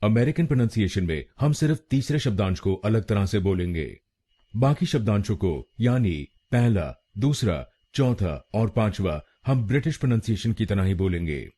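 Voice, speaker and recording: A man with an Indian accent giving a scripted pronunciation lesson, drilling a word slowly syllable by syllable. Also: fairly low pitch, expressive, warm tone, breathy edge. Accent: Indian English. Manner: slow, deliberate syllable-by-syllable drilling. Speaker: pronunciation teacher.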